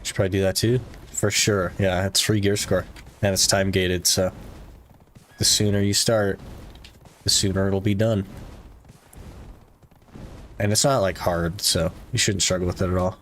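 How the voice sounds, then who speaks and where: Talking to chat during a gaming stream, this relaxed man fills his speech with "like." He has a low-pitched voice at a moderate pace with long pauses, and there's a little hiss or hum in the audio.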